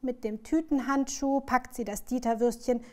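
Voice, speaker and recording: A woman author reading her children's book aloud in a lively, expressive storyteller's manner. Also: fairly high pitch, moderate pace.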